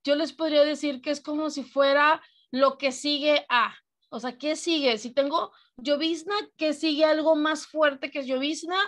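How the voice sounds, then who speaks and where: A woman's voice: sits high, steady tone, moderate pace, fairly bright tone. A woman teacher with a Mexican accent giving an online class over a video call, explaining patiently and often asking her students questions.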